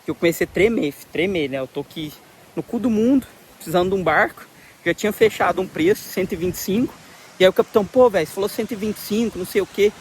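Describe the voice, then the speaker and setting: A Brazilian man tells a travel story to his camera in a casual vlog, excited and slangy, acting out the dialogue. His voice sits high. Faint outdoor noise by the sea is heard under him. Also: fast. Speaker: travel vlogger.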